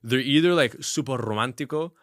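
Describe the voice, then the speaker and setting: A man's voice: mid-range voice, a little fast, a little hiss or hum. A young man hosting a podcast in casual chat, rambling with lots of fillers and swearing freely. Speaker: podcast host.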